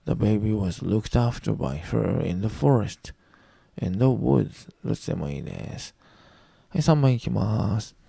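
A man teaching a grammar lesson in a deeply gravelly, dark voice. He reads example sentences slowly and patiently, repeating them with gentle reassurance. The sound is dry and close. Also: expressive, dry recording. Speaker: English teacher.

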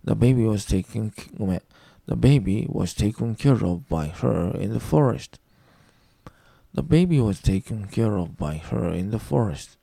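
A man teaching English grammar, patiently repeating each example sentence slowly and reassuring his students. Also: lowish voice, animated, creaky, mellow, no echo, studio quality. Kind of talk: recorded grammar lesson.

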